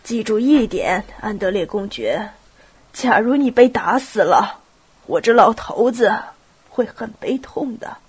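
A woman's voice: mid-range voice, expressive, a little slow, slightly rough. A woman with a cold voicing a stern, abrupt elderly prince who gives clipped orders. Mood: gruff. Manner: curt, clipped commands, bursts into shouting. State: has a cold.

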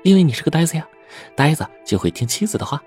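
A man voicing a sharp, clever young wife. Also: lowish voice, moderate pace, faint music behind, close to an everyday voice. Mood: teasing. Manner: cool, pointed delivery.

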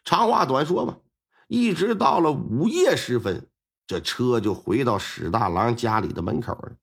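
A man telling a traditional crime story aloud in a lively, colloquial manner, stretching out the particles at the ends of his phrases. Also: medium pitch, vocal fry, slightly rough. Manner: lively, colloquial, with drawn-out sentence-final particles. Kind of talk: Chinese storytelling performance.

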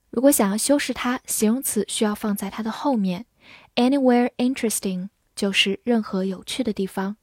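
A woman teaching English vocabulary. She spells words out letter by letter and repeats phrases slowly. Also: fairly high pitch, darkish tone, no room sound, clean studio sound. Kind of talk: vocabulary lesson with slow read-alouds.

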